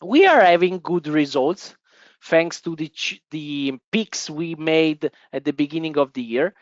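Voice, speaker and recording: Slightly high and measured in pace, an Italian man hosts a live stock-investing webinar from an office in Italian-speaking Switzerland. He talks to his audience with an Italian accent, frequent fillers, and restarts, in a muffled recording with no echo.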